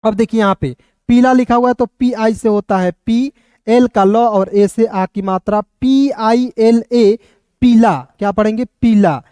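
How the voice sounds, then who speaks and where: A man from India teaching an online spelling lesson, spelling out letters slowly and asking questions that he answers himself. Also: sits high, steady tone, mellow, clear, resonant tone, dry recording. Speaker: English teacher.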